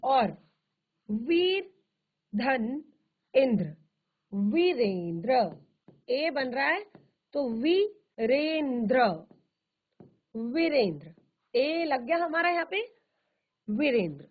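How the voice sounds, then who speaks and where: A woman teaching Hindi grammar, slowly repeating terms and asking questions that she answers herself. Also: high-pitched, sing-song. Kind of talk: slow classroom explanation. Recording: tinny phone-like virtual classroom audio.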